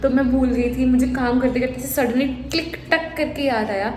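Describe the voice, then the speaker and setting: A woman's voice: high voice, fairly even intonation, moderate pace. A young woman from India chatting through her daily vlog at home, slipping English phrases into her talk. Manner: softly whispered, quiet talk. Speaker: vlogger. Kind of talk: casual daily vlog chat.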